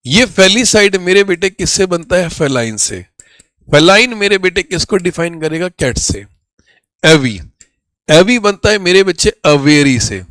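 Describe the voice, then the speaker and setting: A hoarse man with a higher voice, teaching an exam vocabulary class and reading words. He talks to the students as if they were his own children and drills them with quick questions that he answers himself. The sound is dry and close. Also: sing-song, fairly bright tone, no room sound. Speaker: English teacher for competitive exams. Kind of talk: Hindi exam-prep vocabulary lesson.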